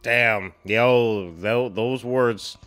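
A man's voice: mid-range voice, very slow, music in the background. A man hosting a film reaction, exclaiming, repeating himself and laughing often as he comments.

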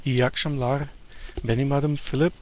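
A man who is a non-native beginner with a foreign accent, practicing simple phrases haltingly and searching for words. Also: mid-range voice, level tone. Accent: foreign, non-native Turkish. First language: not Turkish. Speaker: language learner. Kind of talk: beginner language practice to camera. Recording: muffled lo-fi audio, faint noise.

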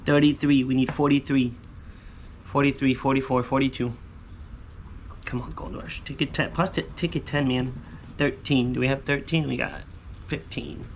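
Casual man chatting over clear outdoor noise. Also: mid-range voice, little pitch movement, normal speed, pauses often, dull audio. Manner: repetitive, slangy, hopeful muttering. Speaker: vlogger scratching lottery tickets. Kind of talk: casual chat to viewers. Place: outdoors on a covered poolside patio.

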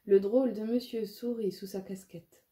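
A woman reading a children's audiobook, lively and expressive. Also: mid-range voice, normal speed, slightly rough. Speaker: storyteller.

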